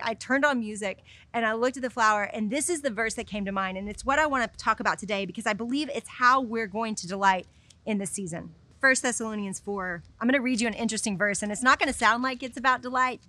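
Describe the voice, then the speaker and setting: Bright-voiced woman giving candid devotional talk. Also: fairly high pitch, no room sound. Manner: candid, conversational, with light laughs. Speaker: podcast host and Bible teacher.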